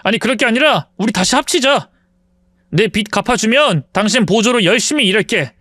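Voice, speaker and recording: A reader doing a pathetic blustering ex-husband. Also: male voice, high-pitched, lively intonation, brisk, bright, forceful tone, dry recording, clean studio sound, voice pushed up, full character voice. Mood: pleading. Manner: gruff, pleading, blustering. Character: pathetic indebted ex-husband, whiny then blustering.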